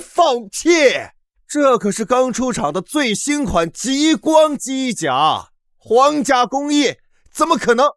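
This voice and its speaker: 高亢傲慢的富家公子. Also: male voice, sits high, sing-song, moderate pace, no room sound, clean studio sound. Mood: sneering. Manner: scornful, shouting insults. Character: arrogant young male rich contestant, sneering. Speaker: repair contest rival. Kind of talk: motion comic voice acting.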